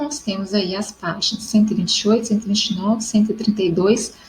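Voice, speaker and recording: A woman's voice: mid-range voice, slight background noise, poor audio. A woman from Brazil teaching a recorded grammar lesson, explaining step by step and often checking in with her students.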